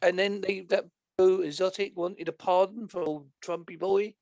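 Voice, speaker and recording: A man's voice: sits high, fairly even intonation, normal speed, a little mellow, no room sound, lo-fi sound. A British man chatting as a podcast guest, joking and sarcastic. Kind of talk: casual chat.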